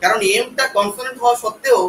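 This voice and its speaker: A man teaching English grammar to a class, explaining patiently, spelling words out letter by letter and checking understanding with quick questions. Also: very high voice, fairly even intonation, a bit bright. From West Bengal, India. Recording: echoey classroom from far off, faint background noise.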